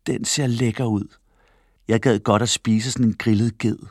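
A man playing a greedy, self-pleased young man from a children's story, drawing out his words with relish. A gravelly edge runs through a dry, close recording. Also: on the low side, steady tone, no echo. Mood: smug.

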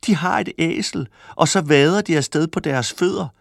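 A man voicing a scornful male heckler at a market in a children's story, jeering loudly. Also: on the high side, vocal fry, no echo, studio quality, voice pushed up. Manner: jeering, loud.

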